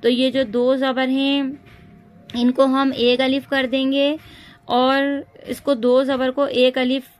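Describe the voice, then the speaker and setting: Lady quran teacher w/ urdu accent, high voice, drawn-out slow syllables. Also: level tone. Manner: spells syllables out slowly, repeating each; addresses listeners as sisters. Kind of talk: slow recitation lesson.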